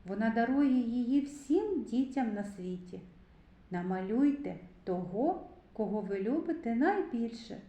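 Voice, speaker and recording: Woman teacher for a preschool letters lesson: slow, patient, clear, in a roomy, slightly muffled recording. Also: fairly high pitch, expressive. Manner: slow, carefully spelled-out speech addressing children warmly. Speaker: kindergarten teacher. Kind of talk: slow, clear literacy lesson for young children. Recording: echoey room, dull lo-fi sound.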